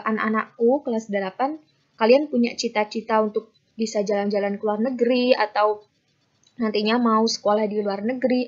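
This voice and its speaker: A woman English teacher with an Indonesian accent, giving a class lesson and reading model sentences slowly for her pupils to repeat. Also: a little high. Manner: slow, drawn-out model sentences for repetition. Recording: muffled lo-fi recording.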